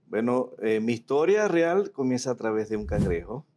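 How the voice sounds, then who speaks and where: A man's voice: medium pitch, very animated, normal speed, a little mellow, slight background noise. A middle-aged man from Venezuela, a guest in an interview, telling his story reflectively with many fillers.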